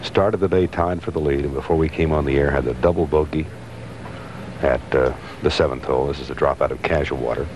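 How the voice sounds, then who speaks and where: Very deep-voiced male golf commentator. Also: steady tone, fairly quick, highs cut off. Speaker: golf commentator and broadcast anchor. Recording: noisy 1980s television broadcast.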